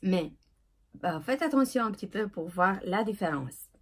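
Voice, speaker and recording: Woman, language teacher, husky voice, animated pitch, hesitant with fillers. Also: moderate pace. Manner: checks in with "ok?" after nearly every phrase; hesitant, with many filler sounds. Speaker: English teacher. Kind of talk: casual video lesson.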